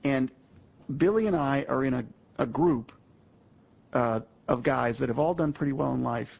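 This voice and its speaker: A man's voice: medium pitch, normal speed, creaky, breathy edge. A man in his sixties, a guest speaker telling a personal story to an audience in a folksy, emphatic way, addressing the listeners directly. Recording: muffled lo-fi audio.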